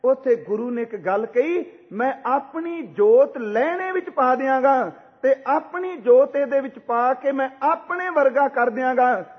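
A man giving a Sikh sermon, slowly chanting scripture verses and breaking into emphatic exhortations to the congregation. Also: extremely high pitch, animated. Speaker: Sikh preacher. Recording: dull lo-fi sound with long hall reverb.

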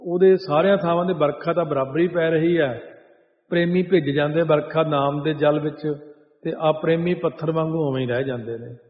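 A man giving a Sikh religious discourse. He sings lines of scripture slowly, then explains them in plain talk. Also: fairly high pitch, steady tone. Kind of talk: sermon, chanting verses then explaining. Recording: echoey hall over a tinny line.

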